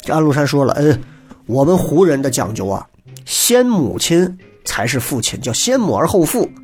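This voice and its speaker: A man with a slightly high, husky voice tells a historical tale in a chatty, animated way. He acts out the characters' lines and breaks off for wry asides to his listeners. Faint music plays underneath. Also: normal speed. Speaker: storyteller. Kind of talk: lively storytelling lecture on history.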